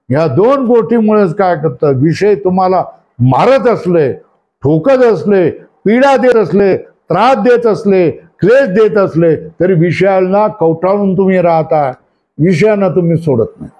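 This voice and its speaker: A man with a noticeably high voice leads a scripture class as a spiritual teacher. He keeps asking his listeners questions and checking that they agree, pausing to dictate what they should number and underline. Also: animated, a little mellow.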